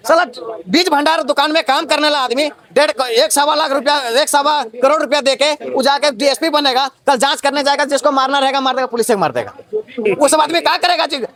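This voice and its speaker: A young male exam candidate from Jharkhand speaks in a street interview. His voice sits very high and he talks quickly, piling up indignant rhetorical questions. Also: a bit bright.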